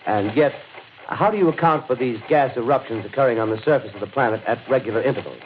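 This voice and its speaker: A man playing an earnest, courteous radio commentator reporting live in a 1930s drama, formal and deliberate with small hesitations. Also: mid-range voice, natural voice. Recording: tinny, noisy old radio broadcast.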